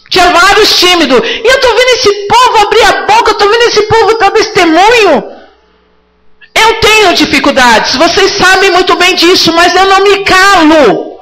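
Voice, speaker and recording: A woman's voice: extremely high pitch, animated, moderate pace, pushed and bright, poor audio. A woman preaching a sermon to her congregation, fervent and rising now and then to cries.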